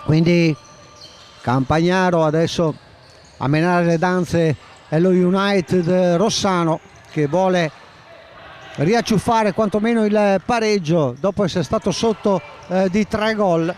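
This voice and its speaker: A male sports commentator with a high voice calls a futsal match live. He rattles off player names and raises his voice to a shout when the action heats up. A faint hum of noise sits behind him. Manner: excitable, shouts at key moments, names players rapidly. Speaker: play-by-play commentator.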